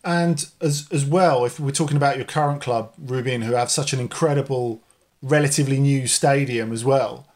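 A man's voice: medium pitch, normal speed, darkish tone. A man working as an interviewer, putting questions in a conversational way.

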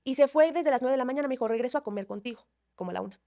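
Fast-talking woman telling her story. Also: high-pitched. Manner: animated, acts out quoted dialogue. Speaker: guest. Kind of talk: emotional personal storytelling.

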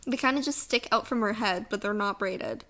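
A woman co-hosting a casual chat, talking in a chatty way, laughing often and dropping into low asides. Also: normal speed, a bit bright. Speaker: co-host.

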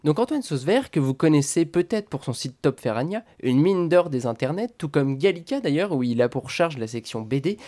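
Lively, playful podcast host, male. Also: fairly high pitch, fairly quick, hardly any pauses. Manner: playful, self-mocking, theatrical emphasis. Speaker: podcast host and comics reviewer. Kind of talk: scripted podcast introduction and review.

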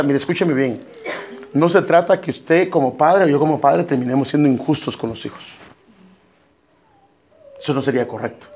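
Husky-voiced man preaching a sermon. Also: on the high side. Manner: emphatic, repeats phrases and keeps addressing listeners as brother. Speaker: pastor.

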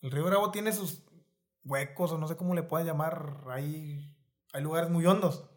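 A man's voice: fairly high pitch, moderate pace. A man, telling fishing stories in casual, slangy chat. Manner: animated slangy storyteller. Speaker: podcast guest. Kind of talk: casual storytelling.

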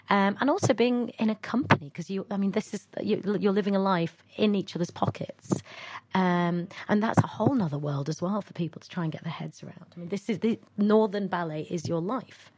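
Low-voiced woman with a Bradford accent. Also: dry recording. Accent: Bradford, West Yorkshire. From Bradford, northern England. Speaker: interviewer. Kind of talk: conversational interview.

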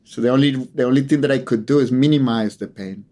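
A man's voice: medium pitch, mellow. A man, a photographer, giving a grave personal account in an interview, often repeating words as he searches for how to say things. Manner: halting, repeats words while searching for phrasing; earnest, grave storytelling.

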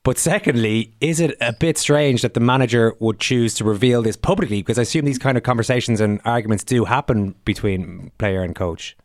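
A man hosting a sports podcast, putting thoughtful, measured questions to a reporter with some hesitation. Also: medium pitch, no echo, studio quality. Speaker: podcast host. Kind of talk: interviewing a reporter.

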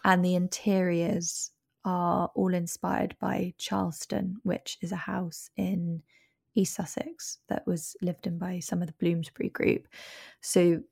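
A woman's voice: lowish voice, flat delivery, slow, vocal fry, a little mellow, breathy edge, dry recording, studio quality. A woman from Devon, a travel journalist, chatting casually on a podcast with enthusiastic, wry asides. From Devon, England.

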